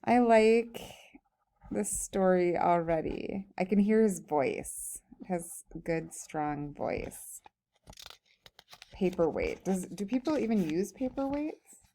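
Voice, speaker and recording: A woman's voice: medium pitch, expressive, slow, dark tone, a little hiss or hum. A woman teacher reading a humorous story aloud, breaking off for chatty think-aloud comments and laughing while she reads.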